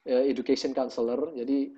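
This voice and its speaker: A man, a musician and guest, chatting casually over a video call in a lively storytelling way, acting out what people said. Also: medium pitch, fairly quick, lo-fi sound. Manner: lively storytelling, acts out quotes.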